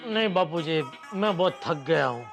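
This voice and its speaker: A harried middle-aged businessman, complaining theatrically in a TV sitcom. Music plays clearly behind him. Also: high voice, expressive, normal speed, a bit bright. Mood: weary. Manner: complaining, theatrical sighs of fatigue. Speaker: actor. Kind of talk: sitcom acting.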